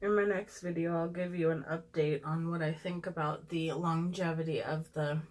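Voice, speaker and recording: A woman beauty vlogger chats through a makeup review in a relaxed, candid way. Her voice sits a little low, and she fills her talk with ums and small asides while she gives honest opinions. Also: moderate pace. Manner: chatty, candid, with frequent ums.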